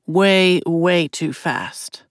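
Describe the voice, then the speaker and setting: Woman reader doing a composed undersheriff, slow, even questioning, dry audiobook sound. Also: fairly low pitch, no room sound. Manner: measured, quietly probing. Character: calm steady female undersheriff questioning a victim.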